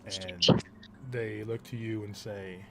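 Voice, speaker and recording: A man narrating a tabletop game as game master in a slow, deliberate storytelling manner. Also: fairly low pitch, steady tone, vocal fry, noisy background.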